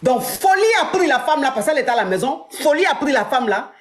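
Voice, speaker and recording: A woman hosting a chat as a relationship coach, retelling a story with lively acted-out dialogue. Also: quick pace, reverberant. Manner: animated, acts out dialogue with big pitch jumps.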